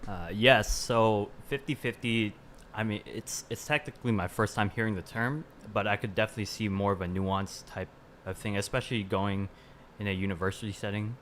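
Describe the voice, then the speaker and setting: A twenty-year-old man from the Midwest with a very low voice talks as a podcast guest. He answers thoughtfully and hedges with "uh" and "I mean." A light hiss sits underneath. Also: steady tone, a little fast, a bit bright. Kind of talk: casual panel discussion.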